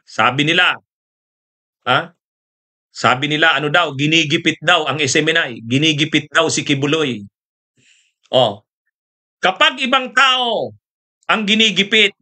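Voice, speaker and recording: A man's voice: a little high, unhurried, pauses often, pushed and bright. A man hosting casual political commentary, mocking and rhetorical, laughing often between points.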